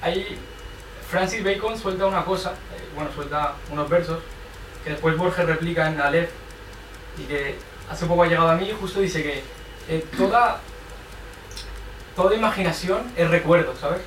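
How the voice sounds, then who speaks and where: Man, earnest advice-giver in a group, fairly high voice, picked up from afar in an echoing room. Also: normal speed, long pauses, fairly bright tone. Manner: earnest, advising, keeps adding a tag question. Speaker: group participant. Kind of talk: reflective group sharing talk. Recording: echoey room from far off, faint noise.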